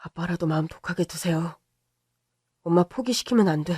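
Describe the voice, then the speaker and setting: A man's voice: a little high, a little fast, a little mellow, slightly rough, dry recording, clean studio sound. A voice actor playing a caring young adult son, a doctor, who talks insistently to his parents. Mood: earnest.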